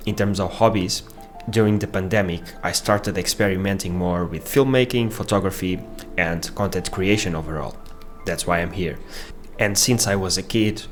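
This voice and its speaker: A man in his thirties with a Portuguese accent narrates his own video in a measured, explanatory way. His voice sits low and deep. Soft music plays faintly underneath. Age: 30s. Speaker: vlogger. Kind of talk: scripted narration.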